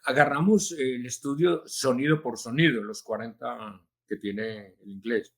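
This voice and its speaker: A man, a linguist answering interview questions in a measured, teacherly way, with frequent hesitations. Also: mid-range voice, steady tone. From Colombia. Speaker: linguist and journalist, interview guest.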